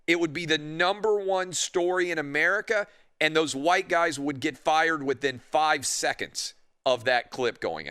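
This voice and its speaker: A man's voice: on the high side, sharp tone, clean tone. A man hosting a sports talk radio show, giving emphatic, argumentative opinions and handling callers on a close studio microphone.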